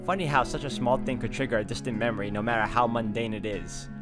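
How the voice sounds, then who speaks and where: Game music runs clearly beneath a man's quick, medium-pitched voice. He is hosting a walkthrough, offering let's play commentary and reading visual novel narration aloud.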